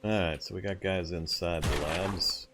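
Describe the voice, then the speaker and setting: Over some background noise, a man with a low voice streams a game live at a measured pace and with fairly even intonation. The let's play streamer thinks aloud as he loots, explains mechanics, and jokes back with viewers, laughing readily.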